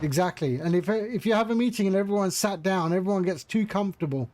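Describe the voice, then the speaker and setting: A man's voice: high-pitched, quick pace, darkish tone, slight background noise. A man streaming a flight simulator, chatting casually with his viewers, joking and laughing often. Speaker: flight sim livestreamer.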